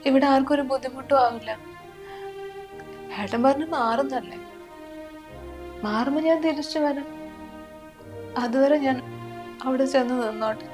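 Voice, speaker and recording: A young woman playing an ill, gentle wife, speaking softly through tears in a family short film. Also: sits high, moderate pace, pauses often, music in the background, close to an everyday voice, poor audio. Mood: tearful. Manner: soft, pleading, flat delivery. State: crying.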